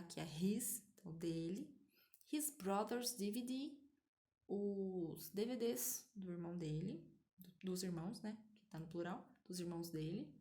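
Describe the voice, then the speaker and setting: A woman's voice: medium pitch, dark tone. A woman with a Brazilian Portuguese accent teaching an English lesson, explaining patiently step by step and often checking that her students follow. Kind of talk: online language lesson.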